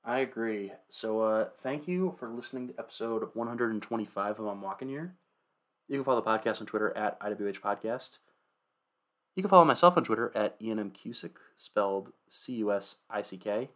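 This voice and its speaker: A man's voice: on the low side, a little fast, fairly bright tone. A very tired man co-hosting a casual sports podcast late at night, talking in a sluggish, worn-out way on little sleep. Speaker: podcast host.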